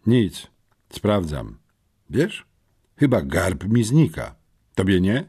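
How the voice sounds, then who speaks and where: A man's voice: low voice, very animated, slow, warm tone, husky, exaggerated voice. A man reading an audiobook voices an eager, upbeat teenage boy detective.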